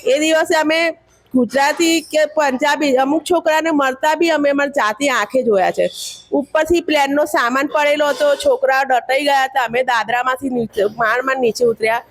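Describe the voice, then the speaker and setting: A woman's voice: sits high, normal speed. A middle-aged woman who has cooked in a mess for years, speaking in an earnest, aggrieved, plain-spoken way as an eyewitness. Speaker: mess cook, crash witness. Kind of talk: emotional eyewitness account.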